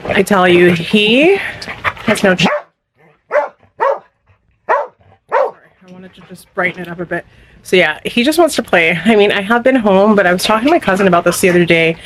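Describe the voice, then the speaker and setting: A woman's voice: mid-range voice, animated, normal speed, long pauses, background noise. Chatty woman vlogging from home. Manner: chatty, rambling, talks to viewers directly. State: a little out of breath at times. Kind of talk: casual vlog chat. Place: at home in a cluttered bedroom.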